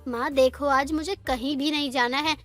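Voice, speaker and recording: A woman's voice: sits high, fairly even intonation, normal speed, a bit bright, faint music behind. Wheedling lazy young woman. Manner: whiny, wheedling excuses. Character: lazy young sister-in-law who skips bathing.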